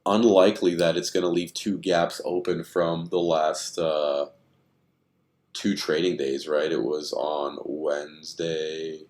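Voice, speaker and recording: A man's voice: extremely low pitch, little pitch movement, slow pace, a little mellow. A man giving casual, rambling commentary on stock charts, thinking aloud with many fillers, tired and yawning.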